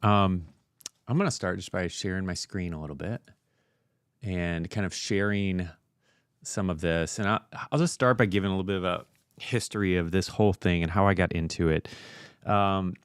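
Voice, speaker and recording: A man hosting a casual live stream, chatty and relaxed with many fillers. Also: low voice, normal speed, clean tone, no echo, clean studio sound. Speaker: host.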